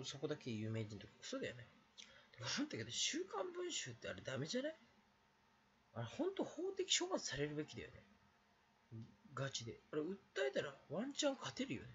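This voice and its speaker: A man's voice: medium pitch, fairly bright tone, highs cut off, a little hiss or hum. A man ranting bluntly and crudely in a late-night solo chat, talking alone to the mic in bursts. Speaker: aspiring game streamer.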